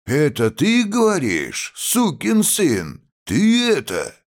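A man's voice: fairly high pitch, wildly swooping pitch, takes it slowly, voice pushed up, heavily acted. A man voicing a drunk, bullying village constable who bellows his orders in a furious slur.

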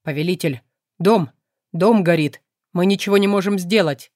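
A woman's voice: lowish voice, animated, a little slow, a little mellow, dry recording, studio quality. A woman doing a strained, pleading servant. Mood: anxious. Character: anxious male demon servant.

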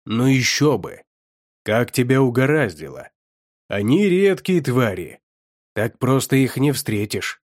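A man doing a gruff hot-tempered fox demon. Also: mid-range voice, big pitch swings, measured pace, no room sound, clean studio sound. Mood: excited. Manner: gruff, growling reproach.

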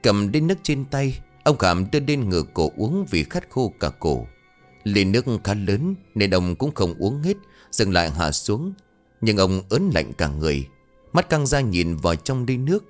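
A man telling a ghost story with a lowish voice that rises and falls expressively. His delivery is dramatic and measured, with faint music underneath. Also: very animated. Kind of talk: scripted ghost story narration.

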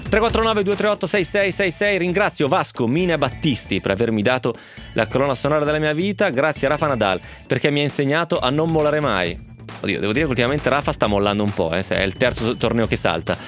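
A male radio host talks off the cuff in a casual live show. His pitch moves around in a lively way as he banters, wanders into asides and pokes fun at himself, with music behind him. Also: quick pace. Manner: bantering, digressive, self-mocking asides. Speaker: radio host taking listener calls and reading messages.

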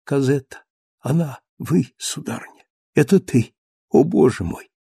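A man's voice: medium pitch, measured pace, creaky, dark tone, husky, no echo, clean studio sound. A man doing a frail, trembling old man. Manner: weak, faltering voice.

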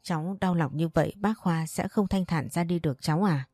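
A woman's voice: on the low side, a little fast, a little mellow, no echo, close to an everyday voice. A woman voicing an older aunt who speaks through tears, choked but consoling, in a storybook reading.

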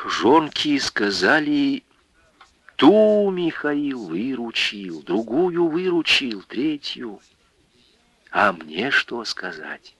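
A man's voice: mid-range voice, a bit bright, breathy edge, dry recording, pitched above the performer's own voice, heavily acted. A man voicing a grieving, grateful village woman who leads the farm and speaks heartfelt and pleading.

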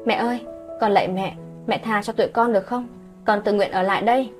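A woman's voice: medium pitch, fairly even intonation, a little fast, faint music behind, natural voice. Woman doing a tearful pleading teenage girl. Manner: hesitant, pleading.

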